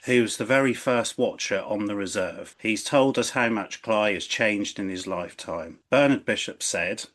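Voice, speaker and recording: A man's voice: on the low side, normal speed, fairly bright tone. A man co-hosting a casual podcast, reading local news items in a jokey way. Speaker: podcast co-host.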